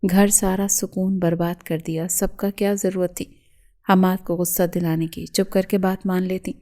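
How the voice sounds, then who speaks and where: A woman's voice: fairly low pitch, flat delivery, mellow, lightly acted. A woman voicing a stern middle-aged aunt who scolds and gives orders to the family. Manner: scolding, commanding.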